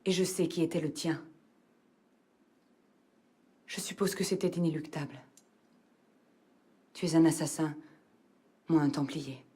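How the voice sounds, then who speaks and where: Young female templar, cold and measured, lowish voice, video game dub. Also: fairly even intonation, mellow. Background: game music.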